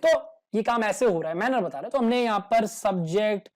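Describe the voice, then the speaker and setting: A man's voice: high voice, animated, fairly quick. A man teaching English grammar in a casual, joking way, acting out little everyday dialogues as examples. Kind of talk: grammar lesson explained in Hindi with English examples.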